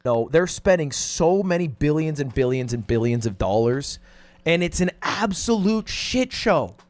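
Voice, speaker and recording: A high-pitched man delivers blunt video commentary with big swings in intonation. He is exasperated and swears freely, and the recording is close and dry. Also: very animated, measured pace, no echo. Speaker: online commentator. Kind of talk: animated opinion video commentary.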